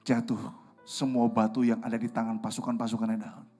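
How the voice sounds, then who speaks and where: A man's voice: mid-range voice, level tone, fairly quick, darkish tone, faint music behind. A male pastor preaching a sermon in a church service, telling a story and asking his congregation questions.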